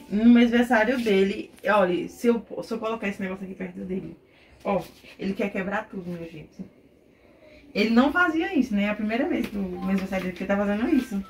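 A woman's voice: fairly high pitch, a little hiss or hum. Chatty young mother in baby talk. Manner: affectionate baby talk mixed with chatty asides to viewers; laughs often while talking. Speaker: mother vlogging her baby's month birthday. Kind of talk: casual home vlog. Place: bedroom at home.

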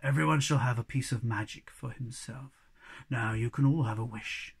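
A reader voicing a sad, weary old hobgoblin magician in a storybook, speaking low and slow, often in a whisper. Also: breathy edge. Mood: gloomy. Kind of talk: storybook reading.

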